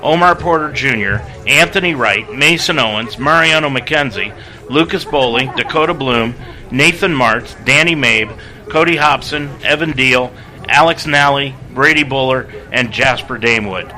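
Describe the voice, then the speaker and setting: A man calling a college football pregame radio broadcast as play-by-play announcer, briskly reading scores, stats and lists of names. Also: medium pitch, sharp tone, rough recording.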